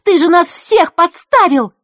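Storybook figure: a high, shouting, hot-tempered young girl, as a woman reader puts her on. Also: lively intonation, a little slow, no echo, studio quality, heavily acted. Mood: furious. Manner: shrill and indignant.

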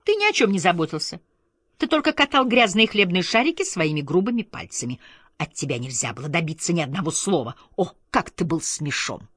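A woman doing a shrill, scolding society wife. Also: sing-song, brisk, fairly bright tone, breathy edge, no room sound, clean studio sound, exaggerated voice. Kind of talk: audiobook character reading.

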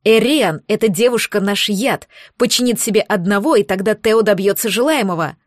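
A woman reading an audiobook, voicing a mocking, angry young man in a lowered voice. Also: moderate pace, no echo, clean studio sound, natural voice. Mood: shouting. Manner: sneering, lower-pitched, forceful.

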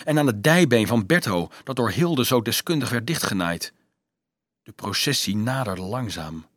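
A male audiobook narrator with a mid-pitched, slightly husky voice, reading in a dramatic and expressive way. His pitch rises and falls a lot with the tension of the story, and the close recording is dry, with no room echo. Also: normal speed. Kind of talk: scripted narration.

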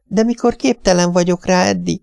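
A fretful wife pleads in a thin, high, weepy whine, as a male audiobook reader puts her on. Her voice has a gravelly edge under the strain, and the recording is dry and close. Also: expressive, darkish tone, no echo. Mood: whining. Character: whining anxious middle-aged wife. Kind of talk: audiobook character voice.

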